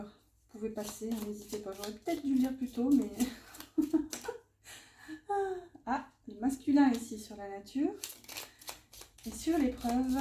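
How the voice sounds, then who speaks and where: A woman's voice: a little high, warm tone. A woman doing a casual oracle card reading, chatty, muttering to herself with many fillers as she lays out the cards. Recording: echoey room with faint noise.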